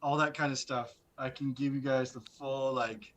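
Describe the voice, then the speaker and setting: A man chatting as a podcast guest on a video call, talking in halting, stop-start phrases through an echoey, distant built-in laptop microphone. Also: medium pitch, fairly even intonation, a bit bright. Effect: echoey, distant laptop microphone sound. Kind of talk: casual chat. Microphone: built-in laptop mic on a video call.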